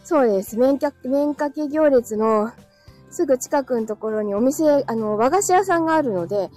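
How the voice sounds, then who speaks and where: Walking up a narrow, hilly street outdoors, a livestream host chats casually and politely with her viewers and laughs often. She's slightly breathless from the climb while recovering from an illness. Her voice sits high, animated and moderately paced with a dark tone, and soft music plays in the background.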